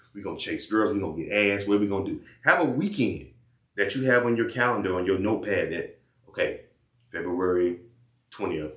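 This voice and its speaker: A man with a very low voice gives blunt, preachy life advice in loose slang, often saying the same thing twice. His voice echoes around a bare room. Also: fairly bright tone. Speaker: vlogger giving life advice. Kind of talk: casual advice monologue and phone chat.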